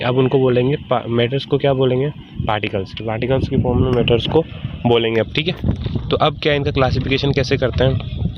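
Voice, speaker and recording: Male teacher, medium pitch, lo-fi recording with a soft hiss behind him; walks through slides, reads terms slowly, answers his own questions. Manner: asks questions and answers them himself; reads English terms slowly, then explains. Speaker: chemistry teacher. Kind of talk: classroom lecture over slides. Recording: dull lo-fi sound with faint background noise.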